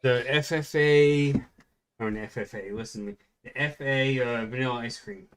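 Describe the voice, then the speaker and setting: A weary man talks loosely and unhurriedly, trailing off and restarting his thoughts. His voice sits at an ordinary middle pitch and he sounds worn out after a long week. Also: normal speed, clear, resonant tone. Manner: relaxed, rambling, with fillers. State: tired, yawning. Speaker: co-host. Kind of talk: casual late-night chat.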